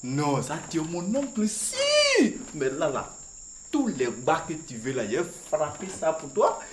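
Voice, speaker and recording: A man acting in a comedy sketch, animated and rambling. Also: a little high, unhurried, echoey room, background noise.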